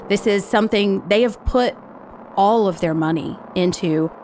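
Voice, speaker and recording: Female guest commentator from the US: conversational analysis, mid pitch, slight background noise. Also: normal speed, darkish tone, rough recording. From United States. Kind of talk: casual spoken analysis.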